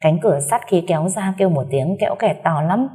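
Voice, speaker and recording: A woman narrating a romance story aloud in a gentle, steady storytelling manner. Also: fairly low pitch, a little fast.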